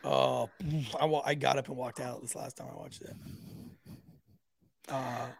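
A man's voice: mid-range voice, steady tone, measured pace, creaky, no room sound. A man co-hosting a casual true-crime livestream podcast, joking crudely and reading viewer chat aloud. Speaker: podcast co-host.

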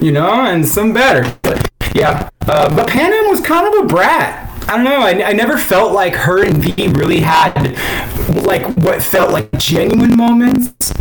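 A man's voice: on the high side, background noise. A man chatting casually over voice chat, rambling and restarting, his audio fuzzy and distorted from a peaking mic. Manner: rambling, restarts often, laughs a lot. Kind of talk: casual chat about a game.

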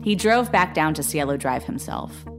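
A woman narrating a true-crime story in a measured, grave, scripted way. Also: deep voice, lively intonation, over music. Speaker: podcast narrator.

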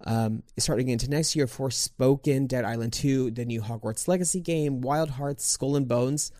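A podcast co-host chats casually, rambling with plenty of fillers and restarts. He has a medium-pitched, dark voice at normal speed, recorded with clean studio sound and no echo.

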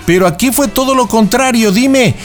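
A man's voice: extremely high pitch, normal speed, soft background music. A man with a Mexican accent chatting casually and teasingly in slang as host of a prank-call radio show. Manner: teasing, playful. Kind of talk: casual, slangy phone-in chat.

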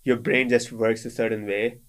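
This is casual guest conversation from a twenty-something Pakistani man who speaks Sindhi natively. His mid-range voice has little pitch movement and a normal speed, and he often fills pauses and starts over.

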